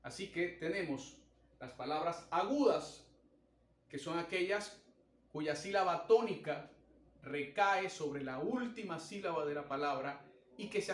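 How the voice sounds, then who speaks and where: A man's voice: on the high side, echoey room. A man teaching a grammar lesson, explaining step by step and counting out syllables. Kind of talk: recorded language lesson.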